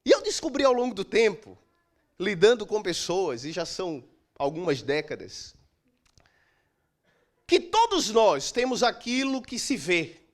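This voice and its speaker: A middle-aged man preaching a sermon as pastor, emphatic, with dramatic pauses and swings from loud to soft. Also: sits high, sing-song. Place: church.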